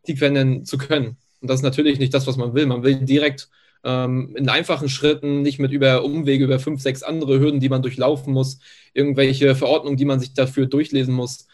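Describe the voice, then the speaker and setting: A man's voice: medium pitch, flat delivery, fast talker, a little mellow. A man making an insistent point on a video call panel, repeating his phrasing. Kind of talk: panel contribution.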